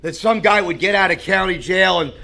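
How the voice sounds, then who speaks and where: Speaking fairly fast in a high, creaky, bright voice with a forceful edge, a man tells stories from his own recovery to a meeting. He comes across as earnest and conversational.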